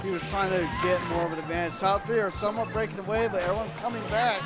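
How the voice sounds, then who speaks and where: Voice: medium pitch, steady tone, fast, loud music behind the voice. An esports lead commentator giving casual, chatty race commentary, playful and thinking aloud while rambling.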